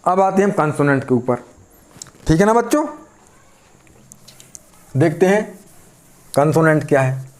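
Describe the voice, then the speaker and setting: High-voiced man teaching grammar. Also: animated, unhurried, pauses often. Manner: repeats questions to the class and answers them. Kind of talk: grammar lesson.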